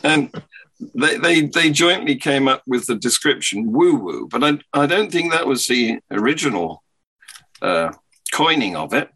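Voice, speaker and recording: A man, a podcast guest, talking in a halting, thoughtful way and laughing often. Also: medium pitch, big pitch swings, sharp tone, husky. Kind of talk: casual podcast chat.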